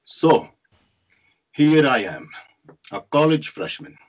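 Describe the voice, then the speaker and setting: In a screenplay table read held over a group video call from home, a man narrates as an ambitious, wry young Egyptian immigrant freshman telling his own story, sounding confident and musing. His fairly high voice has lively intonation and a slow pace, and the computer or headset mic gives a low-quality recording.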